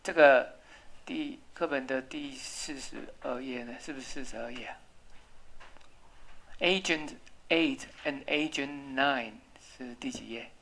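A woman's voice: very deep voice, slow, gravelly, a bit bright. A woman English teacher, leading a classroom lesson and patiently drilling spelling and pronunciation.

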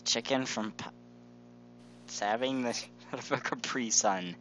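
A young man with a medium-pitched voice speaks a little slowly while playing a card game over voice chat, often joking, swearing and laughing. The noisy mic sounds muffled, with crowd noise in the background.

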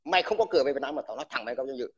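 A man's voice: medium pitch, lively intonation, rapid-fire, husky. A man who is an army veteran, delivering an angry, insulting rant to someone in a livestream and stammering over repeated words when heated. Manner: combative, insulting, addresses the listener with crude terms. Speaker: army veteran speaking out online. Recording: dull lo-fi recording.

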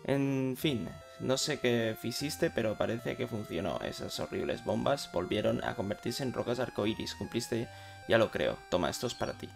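A man's voice: mid-range voice, normal speed, gravelly, soft background music, natural voice. A man reading the lines of a thankful male miner, in Spain Spanish sprinkled with Galician words. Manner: plain read-out game dialogue.

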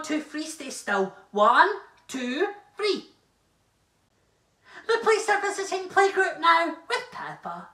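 A woman's voice: high voice, bright, forceful tone, reverberant, recorded from a distance. A woman presenting a children's TV morning block, introducing each show in a bubbly, playful, exaggerated way. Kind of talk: live continuity links between kids' shows.

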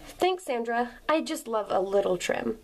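Woman as a fussy, anxious pet cat, slightly high, slow, insistent, toy pet video. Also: lively intonation, vocal fry, exaggerated voice. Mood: worried. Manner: insistent, worried, repeats herself. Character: fussy female pet cat customer, anxious about her fur.

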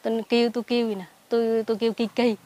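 A woman with a Mekong Delta Southern Vietnamese accent tells her story in a casual spoken way, seated outdoors in a pomelo garden. Her voice sits fairly high, and she drops to hushed asides before bursting into excited exclamations. She speaks as a lay Buddhist recluse answering an interviewer. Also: very fast. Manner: animated, jumps between hushed asides and excited outbursts.

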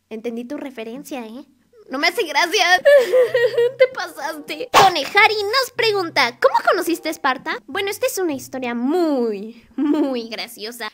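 A woman runs a casual question-and-answer vlog, reading out fan questions. Her voice sits high and she answers in a playful, giggly way. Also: a bit bright.

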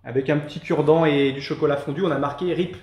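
A host leading a casual home cooking demonstration, gently encouraging children as they help, with a relaxed, hesitant delivery. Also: mid-range voice, fast talker. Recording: echoey room with faint noise.

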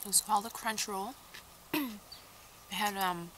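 A woman chats casually to the camera while eating, her words muffled because her mouth is full. She chews between remarks in a relaxed, easy way. The recording carries a clear layer of background noise. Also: medium pitch, slow. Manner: chatty, chewing between remarks. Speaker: vlogger. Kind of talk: casual mukbang chat.

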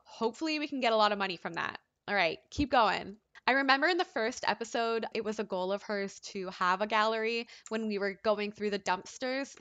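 A woman's voice: medium pitch, a bit bright, no echo. A young woman casually commenting on a life-sim game she is playing, chatty and dramatic, sometimes voicing the game characters. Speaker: let's play host.

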